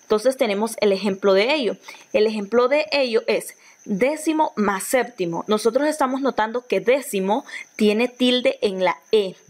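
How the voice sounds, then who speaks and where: A woman's voice: on the high side, normal speed. A Honduran woman teacher giving a recorded grammar lesson, patient, often repeating and restarting phrases as she explains. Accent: Honduran Spanish.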